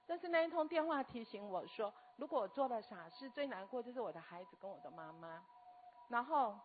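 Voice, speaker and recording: A woman, telling a personal story earnestly and haltingly as a guest. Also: fairly high pitch, lively intonation, slight background noise. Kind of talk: personal testimony. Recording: tinny phone-like audio.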